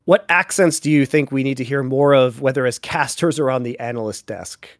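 A man in casual podcast chat who stammers and restarts as he gathers his thoughts. His voice sits at a middling pitch and comes across dry and close, with no room sound. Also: a little fast, no echo.

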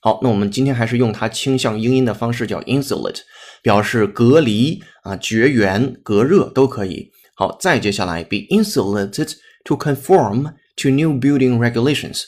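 A man's voice: mid-range voice, moderate pace, few pauses, a little mellow. Male language teacher, patient explanatory lesson delivery, spells and repeats words. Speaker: English teacher. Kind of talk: pronunciation lesson.

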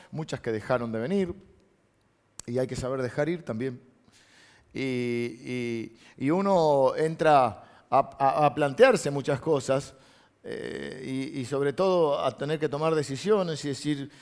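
A man's voice: medium pitch, darkish tone. A middle-aged man, a pastor giving a conversational sermon, reading scripture aloud and making asides to the congregation.

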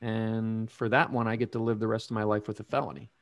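A middle-aged man telling his own story in a casual interview, slow and reflective with many ums and restarts. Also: lowish voice, flat delivery, no room sound. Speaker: guest sharing recovery story.

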